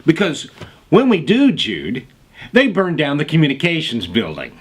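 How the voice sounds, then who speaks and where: A man playing a condescending, sarcastic university boss with a husky voice in a comedic screen drama. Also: fairly high pitch, huge pitch swings, moderate pace, full character voice. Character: sardonic male university boss firing a professor. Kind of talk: dry comedic screen acting.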